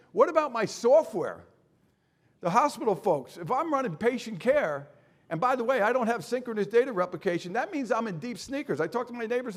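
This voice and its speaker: A middle-aged man presenting at a conference, animated and folksy, peppering his talk with rhetorical questions and jokey asides. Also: high voice. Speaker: conference speaker.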